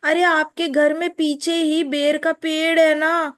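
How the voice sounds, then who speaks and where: A woman voicing a tearful young woman who speaks slowly and haltingly through sobs. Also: high voice, level tone, fairly bright tone, pitched above the performer's own voice. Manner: halting, slow, sobbing speech.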